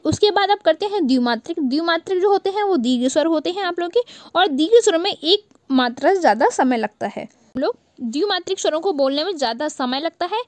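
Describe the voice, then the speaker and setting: A woman's voice: high-pitched, no room sound. A woman teaching an online class, repeating key points as questions to her students and stretching out vowel sounds to show their length.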